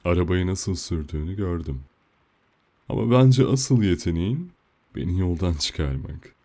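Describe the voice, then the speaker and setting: Man playing a deep-voiced teasing boyfriend, ASMR role-play, quiet murmur. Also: lively intonation.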